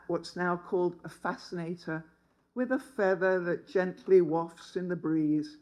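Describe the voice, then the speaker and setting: A woman's voice: lowish voice, darkish tone, rough recording. A woman, telling a personal story to an audience in a wry, humorous way. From England. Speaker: speaker.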